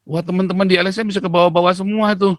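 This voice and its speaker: A man's voice: high-pitched, level tone, very fast, dry recording. A man talking as a guest commentator in a casual talk-show discussion, emphatic and rising sharply when he stresses a point.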